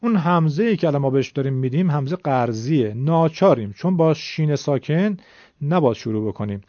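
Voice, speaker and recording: Male teacher, patient and polite lesson delivery, slightly raised pitch, lo-fi recording. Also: animated, dark tone, no room sound. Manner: patient, addresses viewers politely. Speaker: Quran recitation teacher. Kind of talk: explanatory lesson.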